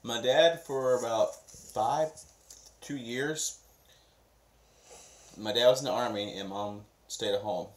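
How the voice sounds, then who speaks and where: A man's voice: medium pitch, slow, pauses often, reverberant. A man in his twenties answering questions about his life at home, hesitant and often correcting himself. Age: 20s. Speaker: husband being interviewed. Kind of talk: casual home interview. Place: home at night.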